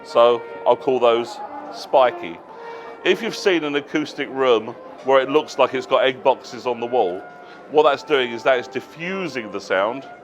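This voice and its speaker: A man giving a live presentation to an audience at a trade show, explaining things plainly with casual asides and quick self-corrections. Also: medium pitch. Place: noisy exhibition hall.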